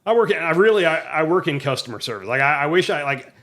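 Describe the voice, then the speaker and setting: A man's voice: on the high side, expressive, quick pace, fairly bright tone. A middle-aged man co-hosting a casual podcast, telling stories at length and poking fun at himself. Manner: talkative storyteller, self-deprecating. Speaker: podcast co-host. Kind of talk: casual chat.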